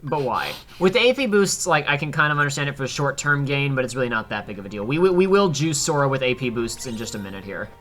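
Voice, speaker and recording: A man's voice: medium pitch, very animated, fast talker, few pauses, a bit bright. A man giving casual let's play commentary, coaching and explaining as he goes. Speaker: gaming guide and co-host. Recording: game music behind the voice.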